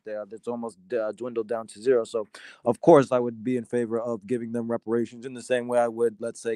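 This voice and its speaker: A man from Sudan arguing his side in a casual debate, halting often with fillers and restarts. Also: medium pitch, dark tone, dry recording. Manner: hesitant, many fillers and restarts. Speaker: debate guest.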